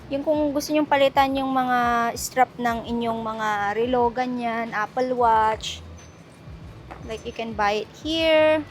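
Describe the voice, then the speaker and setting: A Filipino woman with a slightly high voice and a slow pace vlogs casually as she walks through a shopping mall for a travel vlog. She's chatty, laughs often, and mixes Tagalog with English while loud background music plays over her voice.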